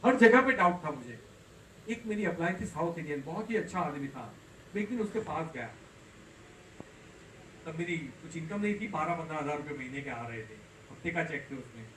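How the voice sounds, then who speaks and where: High-voiced male motivational speaker. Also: lively intonation, a little fast, a little hiss or hum. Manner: storytelling, swings from loud to hushed. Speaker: network marketing speaker. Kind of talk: motivational seminar talk. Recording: roomy hall, speaker far from mic.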